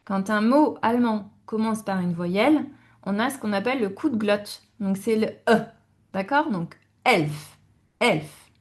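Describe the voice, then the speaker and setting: A woman's voice: mid-range voice, moderate pace, darkish tone. A woman teaching German numbers to French speakers in a video lesson, patiently addressing the viewer and repeating each word with small hesitations. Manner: addresses viewers directly, frequent hesitation fillers.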